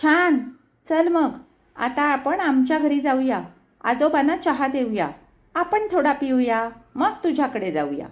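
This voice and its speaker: A woman's voice: high-pitched, lively intonation, measured pace, dull audio, pitched above the performer's own voice. A woman voicing a young schoolteacher who talks playfully and affectionately with a small boy in a read-aloud novel. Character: warm young woman teacher, gently teasing.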